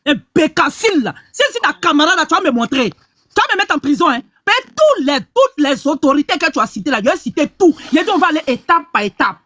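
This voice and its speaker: A woman's voice: high-pitched, very animated, fairly bright tone, dry recording. A woman hosting a gossip live stream, scornful and insulting. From Ivory Coast. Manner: scornful, insulting, talks fast.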